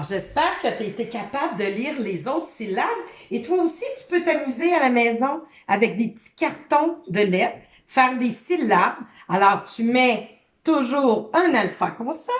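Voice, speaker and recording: Woman presenting a kids' reading lesson; high, bouncy voice, unhurried, in an echoey room. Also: sing-song. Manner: sing-song, sounding out letters and syllables slowly. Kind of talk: reading lesson addressed to a child.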